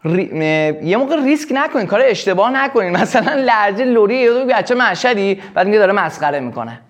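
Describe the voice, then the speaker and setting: A man teaching a live sales workshop, explaining with quick acted examples. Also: sits high, very animated. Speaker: sales trainer.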